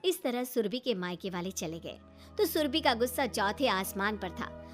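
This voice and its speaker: A woman narrating a cartoon story with an even, scripted storytelling delivery. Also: medium pitch, normal speed, over music.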